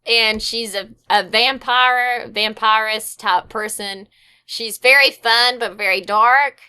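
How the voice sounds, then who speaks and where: A woman's voice: on the high side, steady tone, slow, sharp tone, clean tone. A young woman guest on a podcast, chatting casually and rambling a bit, with frequent fillers and restarts. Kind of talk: casual chat.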